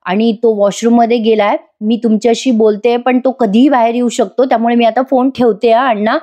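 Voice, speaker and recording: A woman's voice: on the high side, steady tone, fairly quick, warm tone, natural voice. A woman voicing a worried, earnest young woman who pleads urgently, in a serial recap.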